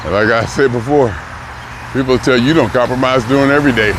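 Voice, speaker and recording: Older man, early sixties, reflective vlogger, halting and musing, walking a busy street, audible traffic behind. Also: mid-range voice. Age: 60s. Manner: musing, halting, thinks aloud with pauses and restarts. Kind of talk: reflective personal vlog. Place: outdoors on a city street, walking. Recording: outdoor traffic noise. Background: passing cars and street noise.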